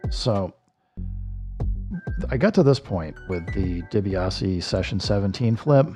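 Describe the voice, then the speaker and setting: A man with a low, mellow voice and lively intonation takes it slowly while streaming himself building a track. The music producer thinks aloud, corrects himself, and is slightly losing his voice in this casual walkthrough, with music playing behind.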